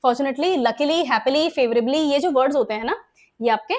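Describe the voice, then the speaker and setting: A woman's voice: sits high, unhurried, darkish tone. A young Indian woman with an Indian English accent, teaching English grammar in Hindi with English examples and often asking her students if they follow. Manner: explains in Hindi mixed with English examples, asks frequent check questions. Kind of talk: exam-prep grammar lesson.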